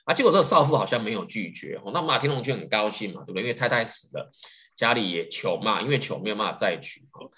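A man's voice: on the low side, animated, bright, forceful tone. A man, hosting a podcast and chattily retelling a folktale. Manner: chatty, loads sentences with drawn-out particles. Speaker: podcast host.

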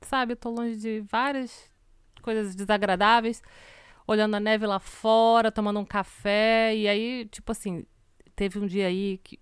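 A woman's voice: medium pitch, steady tone, unhurried, smooth, no echo, studio quality. A woman chatting casually about home life, talking in long loose runs with lots of filler words. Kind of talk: casual chat. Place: home in Canada.

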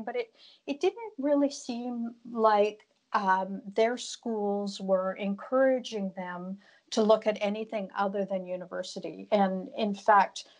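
A middle-aged woman speaks as a podcast guest. Her pitch is average for a woman. She answers in a conversational way, explaining things from her own point of view. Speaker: podcast guest, broadcast business host.

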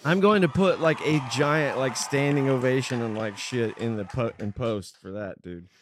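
A man's voice: mid-range voice, moderate pace, noisy background. A man hosting a podcast in casual chat, with crude, teasing, slangy banter. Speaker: podcast host.

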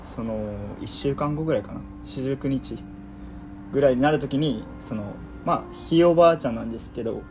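A man casually telling a true eerie family story in conversation, in halting pieces and polite speech. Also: medium pitch, music in the background.

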